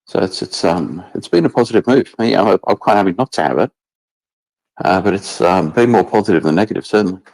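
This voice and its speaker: A man's voice: deep voice, quick pace, vocal fry, darkish tone, rough recording. A middle-aged man from England, a guest chatting casually on a video call, rambling with many restarts and fillers. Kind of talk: casual chat.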